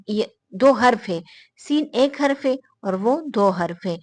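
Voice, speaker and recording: A woman teaches a lesson in a fairly high, patient voice, pointing things out one by one and repeating them for young learners. She slips English words into her explanations. The sound is close and dry, with no room echo. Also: darkish tone.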